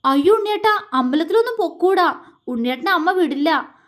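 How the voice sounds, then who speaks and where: A woman voicing a gentle young wife who coaxes and teases softly. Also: high voice, lively intonation, normal speed. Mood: worried. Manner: coaxing, teasing, soft.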